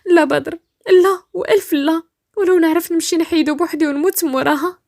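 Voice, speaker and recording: A woman's voice: very high-pitched, fast, voice pushed up. A woman doing a tearful, frantic young Moroccan woman. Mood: desperate. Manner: pleading and shouting through tears. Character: frightened pregnant young woman, desperate and stubborn. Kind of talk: storytelling voice-acting.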